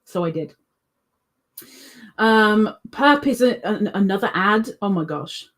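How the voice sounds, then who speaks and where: A woman's voice: mid-range voice, expressive, a little slow. A woman hosting a crochet livestream, chatting casually and reading viewer comments aloud, rambling with ums and self-corrections.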